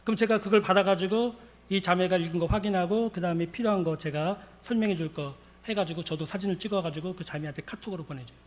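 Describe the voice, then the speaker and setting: A man with a high voice preaches a sermon. He tells a story and acts out the dialogue along the way, in a plain pastor's delivery. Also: quick pace.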